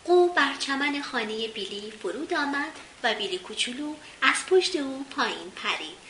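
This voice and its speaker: A woman reading a children's storybook aloud in a gentle, measured way, in a roomy recording with faint hiss. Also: sits high, lively intonation.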